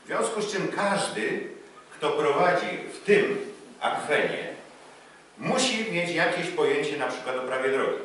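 A man's voice: fairly high pitch, big pitch swings, a little slow, fairly bright tone, slight background noise. A middle-aged man gives a lecture on sailing qualifications in front of a projection screen, with many hesitation fillers. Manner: talks with many fillers, gesturing and pointing at the screen. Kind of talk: lecture with slides. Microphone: far camera, no visible mic. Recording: echoey lecture room from far off.

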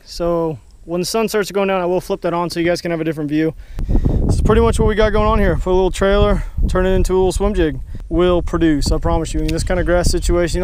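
A young man with a fairly high voice narrates his fishing trip, chatting straight to viewers from his kayak on an open lake. He gets excited and quick whenever a fish bites. The sound comes from a head-mounted action camera, with a faint hiss of wind and water behind him. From Texas. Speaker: fishing vlogger. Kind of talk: casual first-person fishing commentary.

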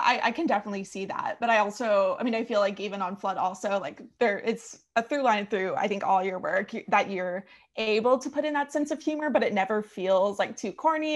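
A young woman interviewing a musician over a video call, friendly and chatty, asking questions with fillers. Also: mid-range voice. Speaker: interviewer, music magazine editor. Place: small room indoors. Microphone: video call, over-ear headphones.

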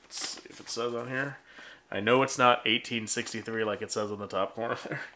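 A man in his thirties hosts a toy collecting video, chatting casually as he digs through vintage figures. His voice sits at an ordinary middle pitch, and he rambles with plenty of ums and jokes at his own expense. A faint noise runs under the recording. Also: fairly even intonation, brisk, bright, forceful tone. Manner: rambling, self-deprecating, lots of ums. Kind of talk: casual unboxing chat. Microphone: handheld camera, then on a tripod.

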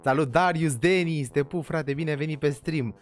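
A man's voice: fairly high pitch, faint music behind. A young man hosting a casual livestream, energetically greeting viewers by name. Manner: energetic, rattles off viewer names; says he talks more quietly than usual. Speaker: livestream host.

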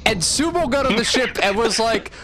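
A man's voice: extremely high pitch, animated, moderate pace, heavy background noise. A man streaming a video game, talking through the chaos in a casual, swearing, exasperated play-by-play. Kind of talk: casual gameplay chat.

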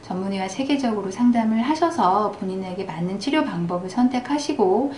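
A woman dermatologist calmly explaining a procedure in formal terms at her clinic. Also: medium pitch. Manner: calm, measured, formal explanation. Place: clinic consultation room. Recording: echoey clinic room, faint noise.

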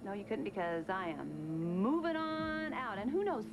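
A woman's voice: mid-range voice, moderate pace, lightly acted. An actress playing a bubbly, chatty woman friend in a soap opera, gushing and stammering, on a noisy tape. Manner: gushing, emphatic, stammering restarts.

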